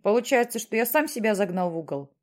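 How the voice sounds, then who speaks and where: A woman's voice: mid-range voice, expressive, fast talker, natural voice. A woman voicing an anguished, desperate father who protests and pleads. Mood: troubled. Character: anguished middle-aged father, torn and desperate.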